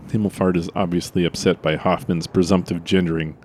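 Deep-voiced man narrating dryly. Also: little pitch movement, a little fast, a little mellow, a little hiss or hum. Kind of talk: scripted comic narration.

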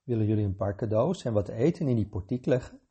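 A man's voice: fairly low pitch, animated, fast talker, warm tone, slightly rough, muffled recording. A man reading an eerie Christmas spirit child. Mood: insistent.

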